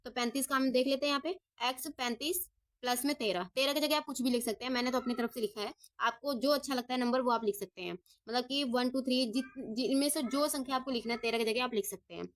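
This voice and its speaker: Woman maths tutor, slightly high voice, patient, asks and answers her own questions. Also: quick pace. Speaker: maths teacher. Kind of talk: step-by-step lesson.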